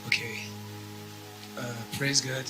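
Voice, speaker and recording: A man's voice: medium pitch, level tone, music in the background. Young Rwandan man giving testimony. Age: young adult. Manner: measured, speaks in short bursts. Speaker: church testimony speaker. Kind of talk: church testimony in short phrases paused for an interpreter.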